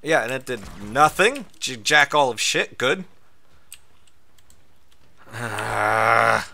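Bright, animated man gaming. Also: mid-range voice, moderate pace. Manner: swears a lot, yelps when startled. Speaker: gaming streamer. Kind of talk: casual gameplay chat.

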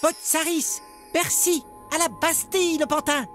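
A man voicing a clever, level-headed young girl adventurer in a children's audio story, reasoning things out quickly. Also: very high-pitched, expressive, darkish tone, faint music behind, pitched above the performer's own voice, heavily acted. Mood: chanting a spell.

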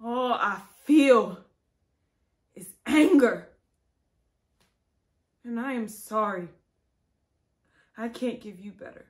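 A woman in her thirties performing a dramatic monologue as a dignified, grieving activist, tragic and solemn with weighted pauses and righteous anger. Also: on the high side. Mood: anguished anger. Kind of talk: dramatic monologue, acted for camera. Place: indoors, plain studio backdrop.

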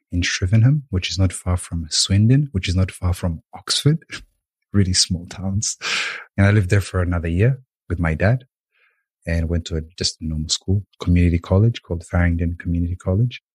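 A young man from Rwanda tells his life story as a podcast guest, soft-spoken and thoughtful. His voice sits very low and has a husky edge. The sound is dry and close, with no room around it. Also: dry recording. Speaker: podcast guest, yoga teacher. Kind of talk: reflective storytelling in an interview.

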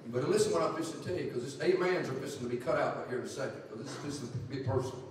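A man's voice: medium pitch, rapid-fire, a little hiss or hum. A middle-aged man preaching as an evangelist, joking through folksy stories and then turning earnest. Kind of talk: sermon with storytelling. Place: church sanctuary. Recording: echoey church from far off.

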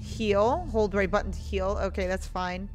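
A woman's voice: mid-range voice, fairly even intonation, moderate pace. A young woman giving casual let's-play commentary, sometimes reading game text aloud as she plays. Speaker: game streamer. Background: faint game music.

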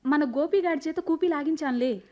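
A woman playing a high, mischievous young village woman. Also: a little fast, dull audio, lightly acted. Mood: scheming. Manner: lively, teasing, mischievous. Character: bold, scheming young village woman in love. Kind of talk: radio play acting.

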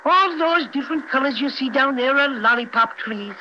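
Bright little Cinnamon Bear. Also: high voice, normal speed. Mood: chatty. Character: small toy bear, brisk protective guide to children. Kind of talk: 1930s radio acting. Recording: dull, noisy 1930s radio recording.

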